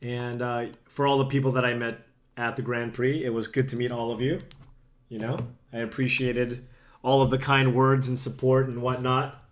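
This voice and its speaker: A man's voice: medium pitch, level tone, moderate pace. A young man chats casually to his viewers while live-streaming a card game from a room at home. He is a little sick and his voice is starting to go. His talk is loose, self-deprecating and aimed straight at his chat. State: slightly sick, losing voice.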